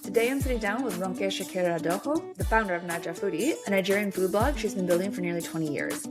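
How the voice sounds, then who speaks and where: A woman's voice: medium pitch, fast talker, loud music behind the voice. A woman hosting a podcast, upbeat and enthusiastic, chatting casually with many fillers. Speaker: podcast host. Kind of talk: casual interview chat.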